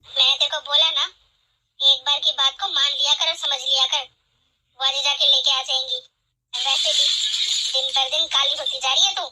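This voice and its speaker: Woman playing a bossy mother-in-law, sharp and taunting, high piercing voice, cartoon drama. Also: fairly even intonation, moderate pace, pauses often, low-quality recording. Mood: scolding. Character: bossy, scolding middle-aged mother-in-law. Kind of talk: animated family drama voice acting.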